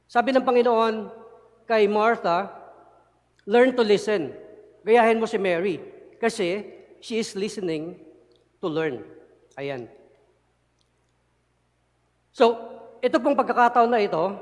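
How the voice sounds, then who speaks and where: A man delivers a sermon as a church elder, his voice sitting high for a man. He talks with animation and keeps checking in with the congregation through rhetorical questions. His voice trails off into the long reverb of a church hall. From Philippines. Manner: mixes Tagalog and English, asks listeners rhetorical "di ba?" often; animated, chuckles while explaining.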